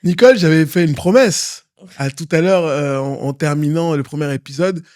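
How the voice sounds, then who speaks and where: A man from Cameroon speaks with a Cameroonian French accent in a fairly high voice. He is an interview guest who drives his points home by repeating words. The sound is dry and close. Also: moderate pace, a little mellow, no room sound. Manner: emphatic, repeats words for stress. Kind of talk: interview conversation.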